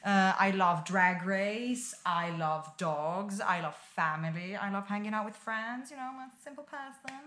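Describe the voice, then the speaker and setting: A woman's voice: mid-range voice, unhurried, few pauses, fairly bright tone. A woman guest on a podcast, chatting casually and enthusiastically, laughing often.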